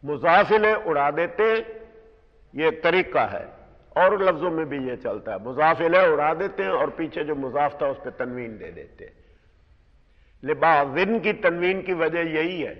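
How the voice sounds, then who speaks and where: A man teaching a word-by-word grammar lesson, measured and explanatory, slowing down to stress key words. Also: on the high side, animated. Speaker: Quran teacher. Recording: dull recording in a reverberant hall.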